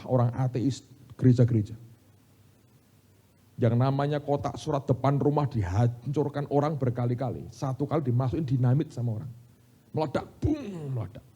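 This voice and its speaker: A middle-aged man with an Indonesian accent preaching from the pulpit, swinging between loud bursts and quiet asides as he tells stories to his congregation. His voice is dark and a little husky. The recording sounds somewhat dull and lo-fi. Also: mid-range voice. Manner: animated storytelling, addresses congregation as "saudara". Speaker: pastor. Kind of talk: sermon. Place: church sanctuary.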